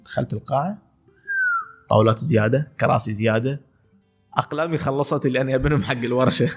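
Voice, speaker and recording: A man's voice: mid-range voice, fairly even intonation, fast talker, faint music behind. A man in his twenties with an Emirati accent, a calligrapher telling stories in casual podcast chat, laughing often and restarting his sentences. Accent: Emirati Arabic. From UAE, Khor Fakkan. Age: 20s. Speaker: calligrapher guest.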